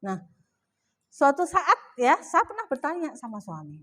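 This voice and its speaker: A woman's voice: high-pitched, wildly swooping pitch, a little slow, pushed and bright. A middle-aged woman with a Javanese accent gives a chatty religious talk in a mosque, often asking her audience questions. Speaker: Islamic women's study speaker.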